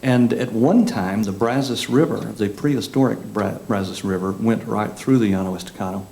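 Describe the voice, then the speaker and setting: A man's voice: on the low side, normal speed, creaky, dark tone. A man from West Texas with a West Texas twang, telling casual stories between songs in a folksy, dryly humorous way. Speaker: singer-songwriter. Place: live performance space. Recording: roomy live concert recording with music.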